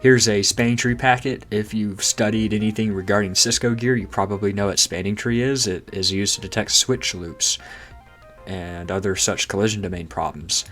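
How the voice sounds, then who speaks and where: A man's voice: lowish voice, steady tone, moderate pace, fairly bright tone, faint music behind. A man hosting a tech channel through a voice changer that makes him sound synthesized and robotic, walking through a screen casually and asking rhetorical questions. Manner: chatty, rhetorical questions, amused at obscure jargon. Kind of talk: casual technical screen walkthrough.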